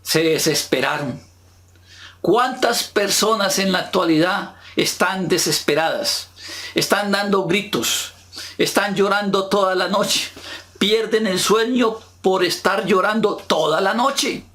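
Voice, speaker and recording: A man preaching a sermon as pastor, slow and emphatic, firing rhetorical questions at the congregation. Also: sits high, bright, forceful tone.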